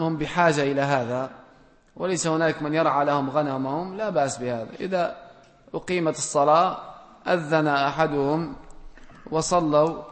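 A religious scholar, a man, reads out audience questions and answers each with plain, direct rulings. His voice sits a little high and he gently admonishes his listeners. Long reverb trails behind him, as in a mosque or large lecture hall.

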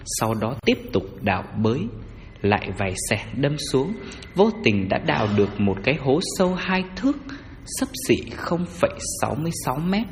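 A man narrating a story as scripted audiobook narration, in an expressive, dramatic manner. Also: mid-range voice, moderate pace, in a large hall, a little hiss or hum.

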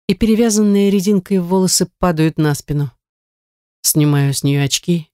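An audiobook reader giving steady first-person narration of a romance novel. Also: medium pitch, no room sound, clean studio sound.

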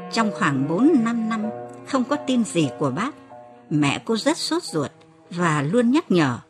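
A woman reads a novel aloud as an audiobook narrator, her voice slightly husky. Her pitch moves freely and expressively through the telling, rising for the characters' cries. It is a scripted storytelling delivery. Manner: expressive reading, lifts her voice for quoted cries.

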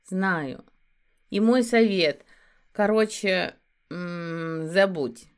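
An anxious young man speaks bluntly and urgently in an audiobook scene, voiced by a woman narrator. He swears freely and warns hard, in a voice set a little low. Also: very slow, clear, resonant tone. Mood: worried, urgent.

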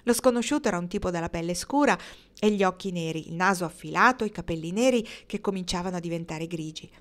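A woman reading a novel aloud in a measured, expressive storytelling manner. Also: fairly low pitch. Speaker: audiobook reader.

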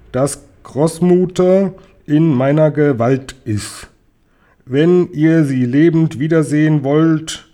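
A man voicing a gruff middle-aged robber reading out his ransom note, slow, loud and menacing. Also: a little high, pitched above the performer's own voice.

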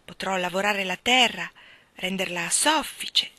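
Woman voicing a young girl, storybook, wistful, eager, bright voice, dry close sound. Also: mid-range voice, measured pace, no room sound. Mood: dreamy.

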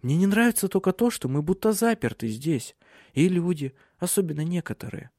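A man voicing a gentle young wife and mother in an audiobook reading. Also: high voice, animated, brisk, dry recording, studio quality, voice pushed up. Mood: tender. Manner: soft raised voice for a woman.

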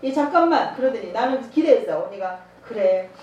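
A woman's voice: a little high, lively intonation, brisk, dark tone, dull audio, a little hiss or hum. A woman giving a sermon with a personal testimony. She acts out dialogue as she tells the story and laughs often. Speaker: evangelism trainer. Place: church. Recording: echoey church hall, mic at a distance.

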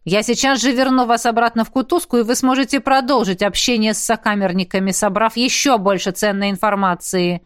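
A woman's voice: on the high side, steady tone, fairly quick, few pauses, smooth, dry recording, natural voice. A sarcastic male guard captain from a fantasy audiobook, as a woman reads him. His lines drip with venomous irony, delivered in a close, dry sound.

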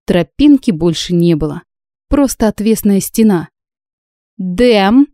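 A woman reading a first-person audiobook in an even storytelling manner. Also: lowish voice, a little fast, no room sound, studio quality. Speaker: audiobook narrator.

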